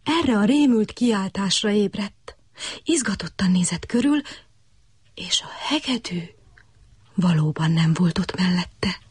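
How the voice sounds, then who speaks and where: A woman telling a radio bedtime story to children, expressive and storytelling. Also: medium pitch, slightly rough, dry recording.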